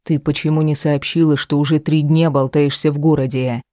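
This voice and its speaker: A woman's voice: low voice, fairly even intonation, a little fast, dark tone, no echo, clean studio sound, natural voice. A woman voicing a cruel, angry husband in an audiobook, speaking harshly and threateningly. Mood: harsh anger. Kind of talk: audiobook character reading.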